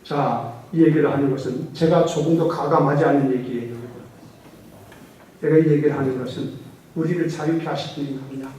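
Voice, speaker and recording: Korean pastor preaching in an echoey hall. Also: male voice, on the high side, steady tone, fairly quick, a little hiss or hum. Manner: dramatic, acts out voices and shouts. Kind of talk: sermon with acted-out story. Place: large church sanctuary. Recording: echoey distant church hall sound.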